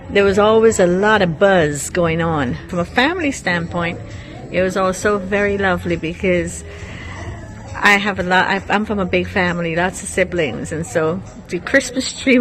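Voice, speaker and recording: Woman from Guyana, lowish voice, fond storytelling, faint music behind. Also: low-quality recording. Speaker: guest sharing memories. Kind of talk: reminiscing monologue.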